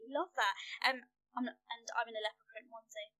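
High, bright-voiced chatty woman host. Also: fairly even intonation, a little fast, poor audio. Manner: chatty, erratic, jumps between topics, puts on accents. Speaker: podcast host. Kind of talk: casual chat.

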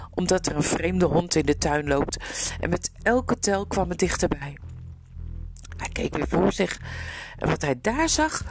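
A woman reading a children's adventure story aloud in an expressive, dramatic way, in a noisy recording. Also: lowish voice. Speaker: narrator.

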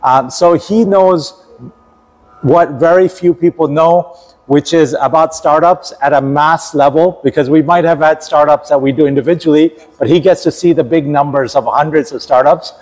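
A man hosts a podcast interview and introduces his guest. His voice sits a little higher than most men's. He talks conversationally and restarts his phrases now and then. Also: normal speed, darkish tone, rough recording. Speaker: podcast host.

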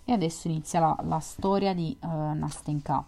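Calm low-voiced woman reading a story. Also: moderate pace, gravelly. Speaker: podcast host and reader. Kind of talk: audiobook reading, then casual chat.

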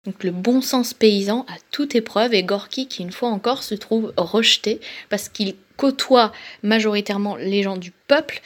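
A woman reviewing novels in casual book talk, pausing often with filler sounds. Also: mid-range voice. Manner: hesitant, many filler pauses.

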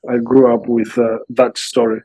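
A man from Malawi, a podcast guest telling his story in an earnest, measured way, often restarting his sentences. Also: medium pitch, flat delivery, warm tone, dry recording, poor audio. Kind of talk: interview conversation.

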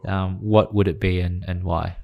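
A male interviewer with a very deep voice asks his questions calmly. His intonation stays flat and even, and he sets up each topic in a measured way. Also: creaky, dull audio.

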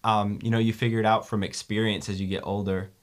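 A young man guest speaking in a measured, polite and thoughtful way. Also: lowish voice, little pitch movement. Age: young adult. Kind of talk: casual conversation.

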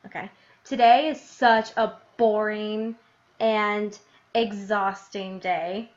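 A woman's voice: mid-range voice, slow. Young woman, podcast host, casual giggly chat, muffled lo-fi audio. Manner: giggly, animated, laughs often between readings. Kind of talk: casual chat reading her childhood diary. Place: lives in New Jersey, grew up in Illinois.

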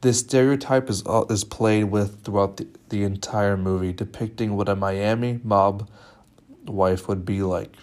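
A young man presenting a media studies film analysis in a measured, slightly halting way. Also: fairly low pitch, steady tone, darkish tone.

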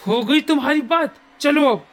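A woman voicing an angry, frustrated middle-aged father who shouts and scolds his wife and daughter in a horror story. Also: very high-pitched, lively intonation, normal speed. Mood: angry shouting.

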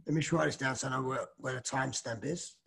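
A man's voice: mid-range voice, fast talker, gravelly, a bit bright. A man speaking in short, casual conversational remarks. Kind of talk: casual chat.

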